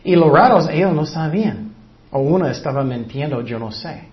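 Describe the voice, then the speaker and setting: A man with a fairly high voice gives an informal sermon. He talks conversationally, hesitating with fillers as he quotes scripture. The recording sounds dull and lo-fi. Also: expressive, moderate pace. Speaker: preacher.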